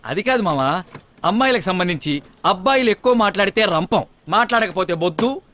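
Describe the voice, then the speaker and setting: An actor playing a glib, scheming sidekick friend who lectures and mocks, in dubbed film dialogue. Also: male voice, high-pitched, expressive, fairly bright tone, slight background noise. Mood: lecturing. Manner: fast, wisecracking, lecturing tone.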